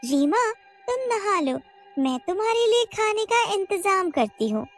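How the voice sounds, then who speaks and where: A woman voicing a calm young city wife who brushes off every worry lightly. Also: very high voice, unhurried, faint music behind, voice pushed up, heavily acted. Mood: dismissive.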